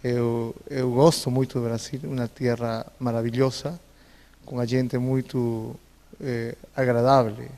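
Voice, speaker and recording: A man's voice: mid-range voice, little pitch movement, a little slow, dark tone, long reverb tail. A man from Peru with a Peruvian Spanish accent, a native Spanish speaker, answering interview questions hesitantly with many filler sounds. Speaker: interview guest, visual artist.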